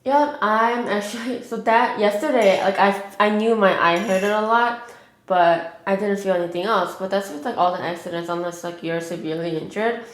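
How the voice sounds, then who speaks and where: A young woman chats casually while eating on camera. She rambles and fills her pauses with 'like' in a mid-range voice. The room around her echoes noticeably. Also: medium pitch. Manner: rambling, heavy use of 'like'. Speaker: mukbang vlogger.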